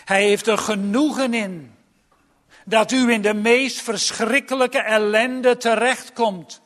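High-voiced, slow, earnest male preacher. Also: steady tone, a bit bright. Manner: earnest, emphatic and warning. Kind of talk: sermon.

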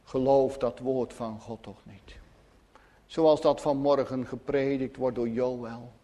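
A man's voice: medium pitch, steady tone, slow pace, warm tone, close to an everyday voice. A man voicing a sly, scheming devil who tempts and mocks churchgoers. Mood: mocking. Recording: long church reverb.

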